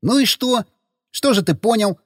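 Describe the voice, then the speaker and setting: A man voicing a flustered, exasperated young man in an audiobook, pitching his voice up. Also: huge pitch swings, moderate pace, slightly rough, no echo, studio quality, exaggerated voice. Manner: exasperated, whiny.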